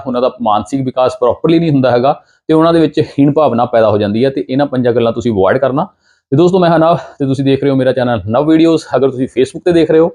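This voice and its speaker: Fast-talking mellow man giving advice. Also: medium pitch. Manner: earnest, repetitive, advice-giving. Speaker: channel host giving parenting advice. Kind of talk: casual explanatory talk to camera.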